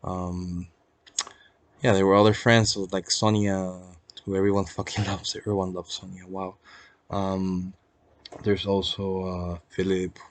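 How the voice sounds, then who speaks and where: In a casual personal vlog, a young man with a Peruvian accent rambles reflectively, pausing and hesitating as he hunts for words and swearing easily now and then. His fairly low voice has a flat delivery and is recorded close and dry, with no echo.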